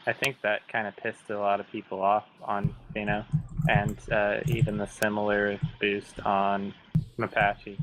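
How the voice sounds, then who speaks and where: Male gamer, laid-back, lowish voice, noisy line. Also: monotone, unhurried. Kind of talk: casual voice chat. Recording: noisy laggy voice-chat line.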